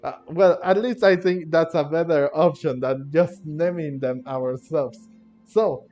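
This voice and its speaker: With a fairly high, slightly mellow voice and a somewhat slow delivery, this man narrates a game playthrough casually, hesitating and repeating himself. The mic sounds dull and lo-fi, with game music faintly behind him.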